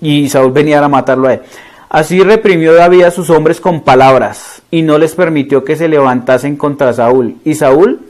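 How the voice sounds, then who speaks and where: A man's voice: a little high, normal speed, a little mellow. A man preaching with a Colombian accent, reading scripture aloud and then retelling it in casual everyday slang while putting questions to the congregation. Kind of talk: conversational sermon.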